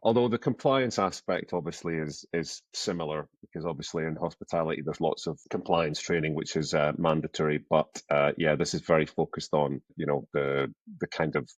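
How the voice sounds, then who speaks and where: Deep-voiced Scottish man in his fifties. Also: fairly even intonation, brisk, few pauses, no room sound. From Scotland. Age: 50s. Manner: chatty, self-deprecating, many fillers and restarts. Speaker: podcast guest. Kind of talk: casual interview conversation.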